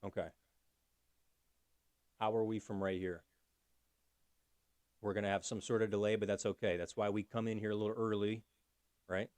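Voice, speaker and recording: A man's voice: fairly low pitch, flat delivery, normal speed, pauses often, a little mellow, no room sound. A man hosting a casual livestream, chatty, thanking viewers by name and talking through fixing his audio. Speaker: livestream host.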